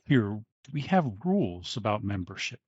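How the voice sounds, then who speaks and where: A man's voice: on the low side, big pitch swings, normal speed, a little mellow, slightly rough, no room sound, dull audio. Man doing a flustered, dignified old mage. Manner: hesitant, polite, awkward.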